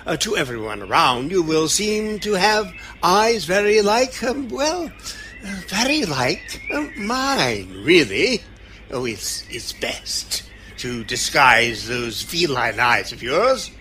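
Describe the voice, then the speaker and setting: Man acting bright, dithering eccentric alien doctor. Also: on the high side, sing-song, takes it slowly, a little hiss or hum, full character voice. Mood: fussy, gentle. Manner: dithering, full of ums, chuckles and broken phrases. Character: eccentric, kindly, cheerful old time-travelling alien doctor. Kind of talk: audio drama acting.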